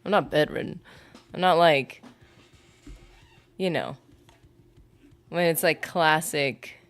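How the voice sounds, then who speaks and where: A woman talking through a gaming livestream in a slightly low voice. She rambles chattily, full of filler words, and reads out her viewers' comments as she plays. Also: slow pace. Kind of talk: casual livestream chat while gaming.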